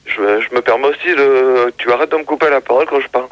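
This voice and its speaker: Male caller, mid pitch, pushy and interrupting, dull radio line. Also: fairly even intonation, fast talker. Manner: argumentative, keeps interrupting. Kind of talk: radio phone-in banter.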